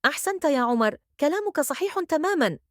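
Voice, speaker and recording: A woman voicing a kind, gentle female schoolteacher in a children's story, speaking in an encouraging, praising tone. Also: on the high side, very animated, racing, no room sound, clean studio sound, voice pushed up. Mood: gently encouraging. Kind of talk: storybook character voice.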